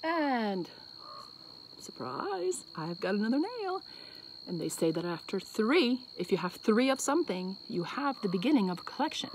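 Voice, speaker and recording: A woman's voice: medium pitch, very animated, normal speed. A woman chatting casually for an outdoor vlog, thinking aloud and interrupting herself as she goes. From Acadian Canada. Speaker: vlogger. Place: outdoors on a bridge over water. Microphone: phone set on the bridge. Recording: noisy outdoor phone recording, traffic, insects.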